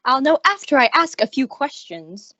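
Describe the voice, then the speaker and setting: A woman's voice: high voice, big pitch swings, moderate pace, sharp tone, no room sound, exaggerated voice. A woman playing a blunt, pushy male police inspector in a student radio drama. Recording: dry, dull lo-fi recording.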